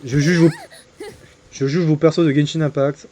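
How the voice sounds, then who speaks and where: A man's voice: fairly high pitch, fairly even intonation, moderate pace, background noise. Chatty young man streaming a game. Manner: joking, crude, chatty with viewers. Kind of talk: casual live game commentary.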